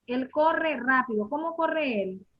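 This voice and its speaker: A woman's voice: high-pitched, animated, slow. A woman teaching an English grammar lesson, patiently explaining and repeating questions to her students. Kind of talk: classroom lesson. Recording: muffled lo-fi recording.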